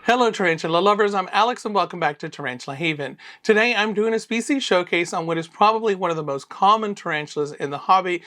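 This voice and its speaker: A man's voice: high-pitched, expressive, fast, few pauses, a bit bright. Friendly man hosting a tarantula video. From Florida, USA. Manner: friendly, explanatory, loose with fillers and restarts. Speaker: tarantula channel host. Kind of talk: educational video presenting.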